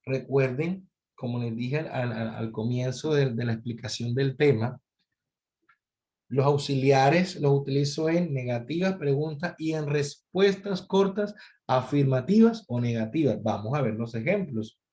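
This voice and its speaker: Male English teacher, slow and deliberate, mid-pitched, patiently going over the rules again for the class. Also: mellow. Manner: patient, repeats key points to students. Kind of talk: grammar lesson explanation.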